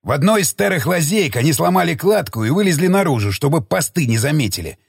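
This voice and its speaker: Brief: male reader as gruff, threatening ex-army commander, audiobook; barking, animated delivery, dry mic. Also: on the high side, fast talker, dry recording, full character voice. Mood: furious. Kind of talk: audiobook character reading.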